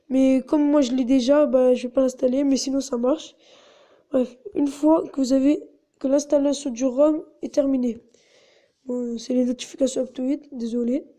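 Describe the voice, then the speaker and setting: Give me a woman with a mellow, dark tone talking through a casual how-to tutorial. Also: high-pitched. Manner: chatty step-by-step instructions, many fillers. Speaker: tutorial host. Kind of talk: casual screen-recording tutorial narration.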